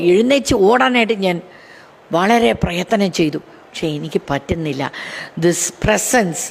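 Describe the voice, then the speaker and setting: A woman's voice: a little high, vocal fry. Fervent woman preaching in a reverberant hall. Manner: fervent, repetitive phrasing with praise refrains. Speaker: preacher giving her testimony. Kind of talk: testimony sermon.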